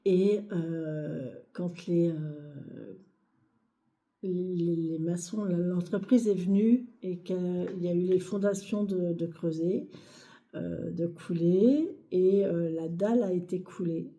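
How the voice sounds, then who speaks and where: Hesitant woman with a very dark voice. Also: on the low side, slow pace. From France. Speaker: tarot reader. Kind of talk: weekly astrology tarot reading to camera.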